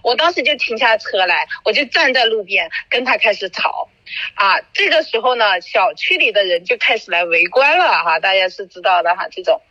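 A woman hosts a podcast, recounting an argument in casual chat and acting out the quoted dialogue with animated storytelling. Her voice is medium-pitched and fairly quick, and the audio is dull with no echo.

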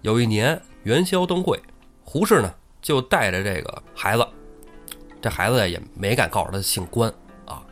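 A man's voice: fairly low pitch, moderate pace, soft background music. A man hosting a podcast, telling an old tale casually and chattily, often checking for agreement. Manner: animated, chatty, asks listener for agreement. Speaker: podcast storyteller host. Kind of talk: casual storytelling.

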